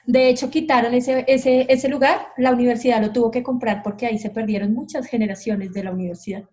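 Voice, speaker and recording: Woman, candid podcast guest, slightly high voice, muffled lo-fi sound. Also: fast talker. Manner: frank, animated, acts out quoted voices. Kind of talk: candid storytelling. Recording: dull lo-fi sound.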